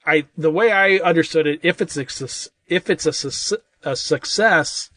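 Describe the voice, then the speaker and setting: A man's voice: on the high side, moderate pace, sharp tone. A man co-hosting a casual movie-review podcast, rambling and loose, with lots of "like" and "I mean". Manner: rambling, full of "like" and "I mean", restarts a lot. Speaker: podcast co-host.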